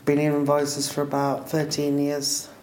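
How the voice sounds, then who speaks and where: A man introducing himself slowly and hesitantly in a support group. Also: on the high side, completely flat delivery. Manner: slow, hesitant, subdued. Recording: echoey room with clear noise.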